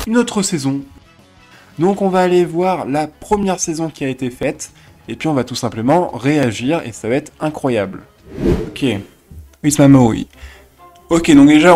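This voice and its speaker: A man doing casual reaction commentary, excitable and jokey, laughing often. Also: fairly high pitch. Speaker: reaction youtuber.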